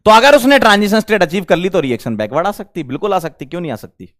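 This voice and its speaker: A male chemistry teacher lecturing a class, firing quick questions at the students. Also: sits high, expressive, fairly bright tone.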